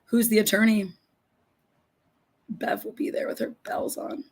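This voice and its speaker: A middle-aged woman hosts a casual livestream in a hoarse, raspy whisper at medium pitch, speaking a little slowly. She reads out viewer comments and rants bluntly, swearing a lot.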